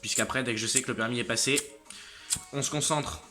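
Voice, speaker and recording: A late-teen motorcycle channel host, worn out and a little sick with a cold, gives viewers a casual video update in a medium-pitched, fairly even voice with a bright, forceful edge. He sounds congested and stumbles, his halting sentences trailing off and restarting, while faint music plays in the background.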